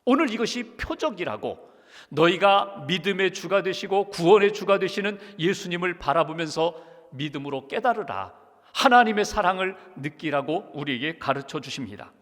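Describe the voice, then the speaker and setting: A man's voice: high voice, lively intonation, moderate pace, fairly bright tone. A male pastor delivering a Christmas sermon, telling a story with emphatic, preacherly delivery in a church sanctuary. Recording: long church reverb.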